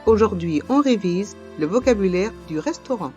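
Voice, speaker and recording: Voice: medium pitch, animated, moderate pace, highs cut off, music in the background. A pronunciation teacher giving a language lesson, carefully articulating each word and repeating it several times. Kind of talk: pronunciation lesson with slow repetitions.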